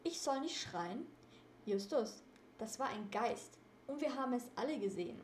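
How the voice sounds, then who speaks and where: A woman's voice: on the high side, lively intonation, moderate pace, a little hiss or hum, close to an everyday voice. A woman reading the part of a nervous, easily frightened teenage boy who complains a lot. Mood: scared. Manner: agitated, complaining. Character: jumpy frightened teen boy detective. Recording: roomy echo.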